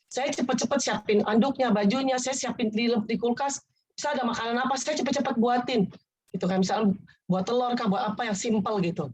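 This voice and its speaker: A woman's voice: on the high side, a little fast, a little mellow, breathy edge, low-quality recording. A woman sharing her personal testimony in an earnest, rambling conversational way, often restarting and addressing her listener politely. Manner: rambling, repeats herself and restarts.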